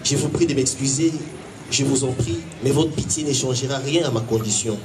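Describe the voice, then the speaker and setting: A man's voice: medium pitch, fairly quick. A man giving a solemn, dramatic public reading of his own fiction at a festival event. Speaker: author reading his story. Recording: distant mic in noisy venue.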